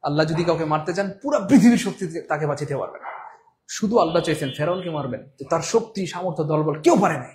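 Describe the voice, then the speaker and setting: A man's voice: a little high, lively intonation, fast talker, a little mellow. A male grammar teacher from Bangladesh giving a classroom lecture, asking questions and answering them himself while repeating key points.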